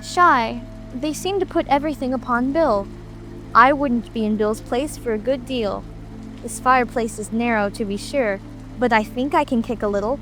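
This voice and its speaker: Woman playing a high-voiced plucky young girl. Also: normal speed, fairly bright tone, close to an everyday voice. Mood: musing, curious. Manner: self-talking, decided. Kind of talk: dramatic audiobook character acting. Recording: music and rain ambience behind.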